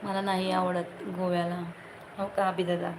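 A woman chats casually on a live stream, greeting each viewer and urging likes and shares. Her voice sits low and stays fairly flat. A faint hiss of background noise runs under her. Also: normal speed. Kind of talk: casual live-stream chat reading comments.

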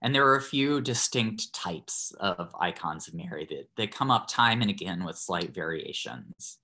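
Low-voiced priest giving an online talk. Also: male voice, animated, normal speed, sharp tone. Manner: thoughtful, loosely phrased with restarts. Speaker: priest leading a parish class. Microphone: video call.

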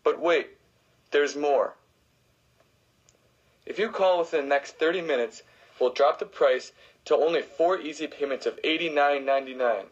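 A man delivering a hyped, hard-selling mock infomercial pitch. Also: brisk. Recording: dull lo-fi recording.

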